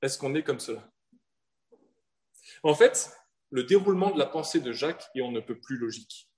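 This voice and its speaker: A man from southern France preaching a sermon in an earnest manner, with rhetorical questions and slowed-down emphasis. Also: mid-range voice, expressive, a little mellow. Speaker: pastor.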